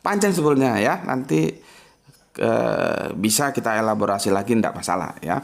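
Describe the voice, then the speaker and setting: Animated male religious teacher. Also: mid-range voice, moderate pace, gravelly. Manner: emphatic, explains with spoken examples and rhetorical questions. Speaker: Islamic teacher. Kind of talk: casual religious lesson.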